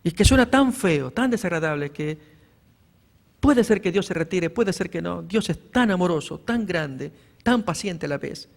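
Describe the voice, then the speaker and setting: High-voiced preaching pastor. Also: male voice, animated, moderate pace, creaky, long reverb tail. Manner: preaching with emphatic rises on scripture readings; addresses listeners as brothers. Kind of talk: evangelistic sermon.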